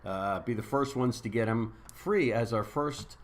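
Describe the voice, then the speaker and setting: A man's voice: mid-range voice, a little slow. A male co-host chatting loosely in a studio, rambling with fillers. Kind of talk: casual live-stream chat.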